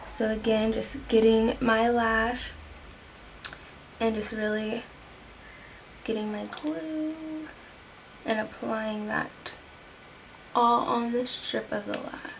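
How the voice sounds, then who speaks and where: A woman's voice: on the high side, fairly even intonation, slow, vocal fry, long pauses, noisy background. A young woman talking casually through a makeup tutorial at home, chatting while she works and sometimes dropping to a whisper. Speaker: beauty vlogger.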